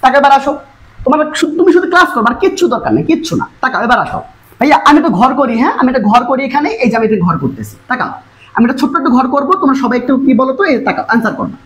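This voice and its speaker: Woman tutor, exam-prep lesson, rapid and coaxing, high voice. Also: big pitch swings, poor audio. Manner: fast, coaxing, repeatedly urging students to look. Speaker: English tutor.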